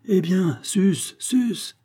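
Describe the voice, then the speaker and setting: A man reading aloud as a gruff, bossy farmer who talks in loud, blustering bursts. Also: mid-range voice, moderate pace, natural voice.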